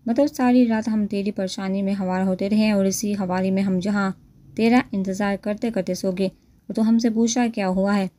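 A woman's voice: medium pitch, fairly even intonation, warm tone, natural voice. A woman voicing an annoyed young man who reproaches his friend, read in a plain storytelling voice.

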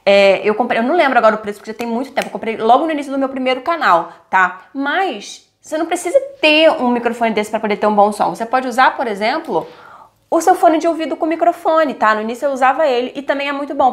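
Fast-talking Brazilian woman vlogger. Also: high-pitched. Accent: Brazilian Portuguese. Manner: chatty, lively, many "tá?" and "né?" tags. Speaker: YouTube tips vlogger. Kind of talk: casual tutorial vlog. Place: indoors at home, lit by a softbox. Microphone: lapel mic clipped to her blouse.

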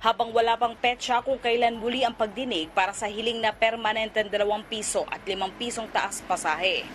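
A woman news reporter reading a scripted field report in a steady, formal voice-over. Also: on the high side, brisk, slight background noise.

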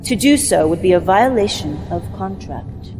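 A young adult actress voices a dutiful, controlled female military mentor in a sci-fi game cutscene, delivering a clipped, formal scripted mission briefing in a cool, stern mood. Her lowish voice is expressive and darkish at a normal speed. There's a long hall reverb, background music underneath, and a little hiss or hum.

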